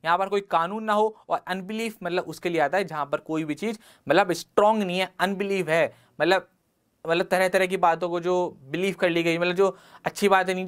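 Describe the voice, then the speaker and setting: A man's voice: sits high, fairly bright tone, clean tone. A man with an Indian English accent teaching an exam-prep vocabulary lesson, mixing Hindi and English and asking rhetorical questions to the class. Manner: explains words with everyday examples and rhetorical questions.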